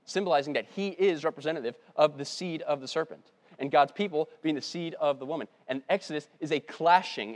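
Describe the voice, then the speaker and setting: A man preaching a sermon, earnest, often dropping to a soft, low voice to stress a point. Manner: earnest, drops to a hushed low voice for emphasis. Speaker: pastor.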